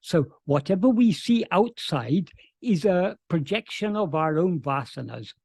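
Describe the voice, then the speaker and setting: A man with a high-pitched, darkish voice speaks on a video call, animated and unhurried with vocal fry, recorded with clean studio sound and no echo. He earnestly answers questions explaining spiritual teachings, often restarting his sentences and stammering as he begins.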